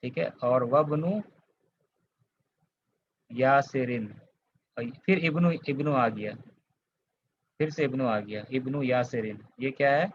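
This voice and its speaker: A man's voice: mid-range voice, takes it slowly, pauses often. A man from India with an Indian accent, teaching an Arabic grammar lesson, patiently repeating points and checking that students follow. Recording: slightly dull lo-fi audio with faint hiss.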